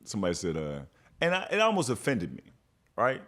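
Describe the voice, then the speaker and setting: A man's voice: medium pitch, a little fast. A young adult man from Texas hosting a podcast, in casual chat and telling stories with acted-out quotes. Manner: animated storytelling, acts out quotes. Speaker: podcast host.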